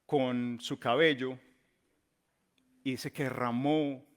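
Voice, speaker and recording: A male pastor delivers a sermon in a storytelling style. He stresses key words by stretching them out, and his phrase endings fall away softly. His pitch sits at an ordinary middle level for a man. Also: steady tone, slow.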